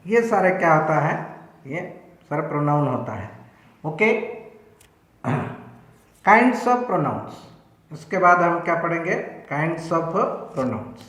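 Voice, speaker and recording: Indian guy teacher, high voice, super slow, repeats everything, echoey room. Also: sing-song, a bit bright. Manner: slow dictation-like delivery, repeats definitions and checks understanding. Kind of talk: bilingual grammar lesson, slow and repetitive. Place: online class recording in a room.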